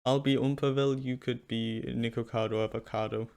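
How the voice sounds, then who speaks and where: A man's voice: mid-range voice, steady tone, fairly quick, a little mellow, slight background noise. A young man from Serbia co-hosting a podcast, joking around in casual chat with lots of restarts. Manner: joking, restarts a lot, loose and playful. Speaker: podcast co-host.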